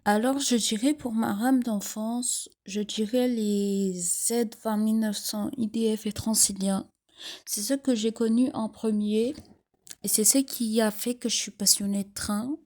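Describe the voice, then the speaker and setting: Young female vlogger, relaxed dark tone, sleepy morning voice, unhurried casual delivery. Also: a little high. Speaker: train enthusiast vlogger. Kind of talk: casual FAQ vlog talk.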